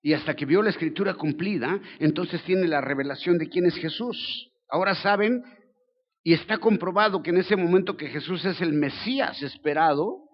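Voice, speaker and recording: Older Mexican pastor, slightly high voice, humorous slangy preacher, muffled lo-fi church recording. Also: male voice, moderate pace. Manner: colloquial, joking, lively storytelling. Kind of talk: sermon.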